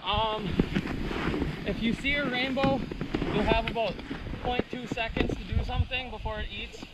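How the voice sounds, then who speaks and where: A man's voice: very high voice, steady tone, normal speed, very noisy. Laid-back man guiding on the ice. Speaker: fishing guide. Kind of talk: casual chat. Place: outdoors on a frozen lake.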